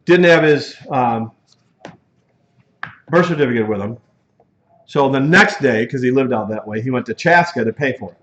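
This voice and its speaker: A man's voice: medium pitch, expressive, moderate pace, pauses often, fairly bright tone, slight background noise. A man teaching a truck driving class in a conversational lecture style, telling cautionary stories and acting out the dialogue in them. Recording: dull lo-fi classroom recording.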